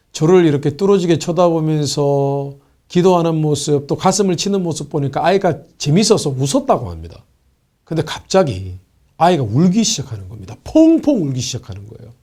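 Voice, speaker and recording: A male pastor telling a church testimony in an earnest sermon style, his voice rising on key words and dropping softly for reflection. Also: a little high. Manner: earnest storytelling with lively rises and soft drops.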